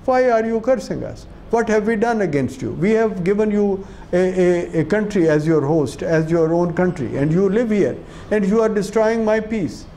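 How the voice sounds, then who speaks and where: A man's voice: expressive, normal speed, hardly any pauses, mellow, slight background noise. A man voicing an indignant young British woman, protesting in a raised voice. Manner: high, protesting, questioning.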